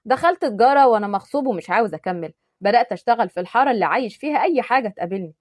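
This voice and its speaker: A woman's voice: a little high, animated, rapid-fire, no echo, clean studio sound. A woman voicing a joking young man with an Egyptian accent in a told story. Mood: teasing. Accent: Egyptian Arabic. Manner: joking, teasing. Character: young man, teasing joker with a soft heart.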